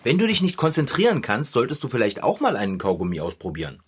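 An actor playing an easygoing, good-natured bike mechanic in a children's audio drama, cheerful and laid-back. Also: male voice, medium pitch, huge pitch swings, fast talker, breathy edge.

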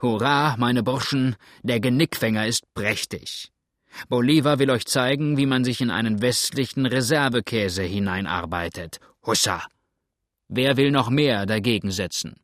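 A man voicing a wild, drunken male boatswain who shouts and chants a song. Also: mid-range voice, expressive, slow pace, gravelly, dry recording, clean studio sound, heavily acted. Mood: boisterous.

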